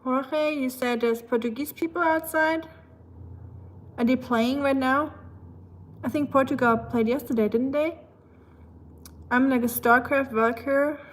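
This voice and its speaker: With slight noise in the background, a young woman with a German accent hosts a livestream, reading viewer messages and chatting playfully. Her high voice holds a steady tone, and she speaks a little slowly with frequent pauses, laughing often and adding asides.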